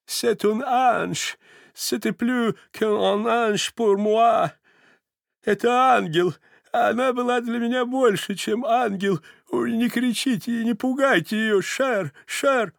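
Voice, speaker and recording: A man's voice: very high-pitched, fairly even intonation, very slow, clear, resonant tone, dry recording, clean studio sound, voice pushed up, full character voice. An actor playing a sentimental, tearful elderly nobleman who slips French into his speech, in an audiobook reading. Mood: pleading. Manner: breathless pleading, mixing in French. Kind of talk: audiobook character voice.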